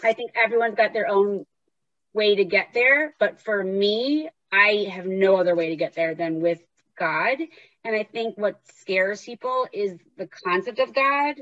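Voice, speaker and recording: Animated woman telling stories, dull dry sound. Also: medium pitch, unhurried, dry recording. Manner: lively, animated, acts out inner voices. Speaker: guest author and recovery worker. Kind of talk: candid conversational storytelling.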